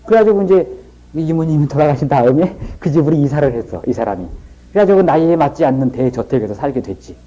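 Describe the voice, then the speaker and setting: A man's voice: a little high, lively intonation, fast, dark tone, lo-fi sound. A middle-aged man giving a lecture and telling stories in a folksy, plain-spoken way. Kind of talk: storytelling lecture.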